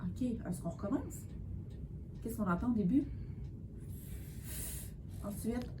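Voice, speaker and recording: A woman's voice: fairly high pitch, expressive, background noise. Patient woman tutoring a child. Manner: patient, encouraging, sounds out words slowly. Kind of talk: one-on-one spelling lesson.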